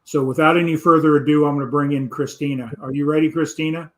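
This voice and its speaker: An older man hosting a business talk show, with a steady delivery and fillers. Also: on the high side, fast talker. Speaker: host.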